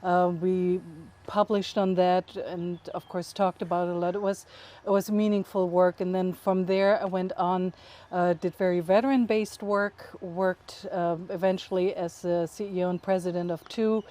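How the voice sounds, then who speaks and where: A middle-aged woman from Germany with a German accent, answering interview questions upbeat and quick to laugh. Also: fairly low pitch, steady tone, mellow. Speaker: guest, nonprofit CEO.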